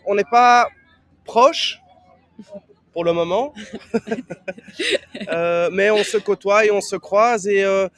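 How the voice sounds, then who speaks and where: Male podcast co-host, notably high-pitched voice, casual and rambling. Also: slow, pauses often, fairly bright tone. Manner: rambling, often rephrasing. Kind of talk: casual conversational explanation.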